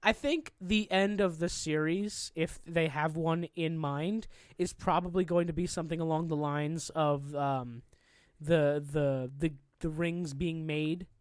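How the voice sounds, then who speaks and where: A man's voice: a little high, fairly even intonation, unhurried, clear, resonant tone, no room sound, studio quality. A man hosting a casual podcast chat, joking loosely and swearing often. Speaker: podcast host.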